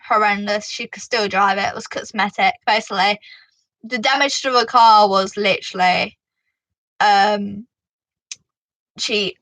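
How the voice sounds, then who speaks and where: A woman with a British accent telling a driving story to camera in a casual, animated way, full of "like" and "you know.". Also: medium pitch, a little slow, pauses often, no echo, rough recording. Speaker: vlogger giving driving advice.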